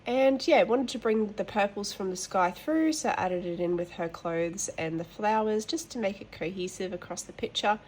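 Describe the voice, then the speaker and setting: Speaking at normal speed with hardly any pauses, this woman has a mid-range, slightly mellow voice made nasal by hay fever. She's an adult mother of boys running a home colouring channel, rambling and apologizing in casual show-and-tell chatter.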